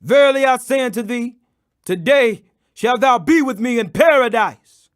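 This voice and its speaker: Man playing Jesus, high, fervent and grave. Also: expressive, normal speed. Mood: merciful. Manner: loud, fervent, preaching. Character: Jesus, condemned holy man, grave and compassionate.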